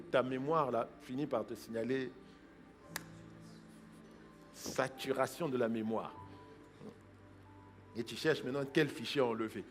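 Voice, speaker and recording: A medium-pitched man preaches a sermon as pastor. He swings between hushed asides and loud exhortation, acts out people's excuses in quoted voices, and breaks into praying in tongues.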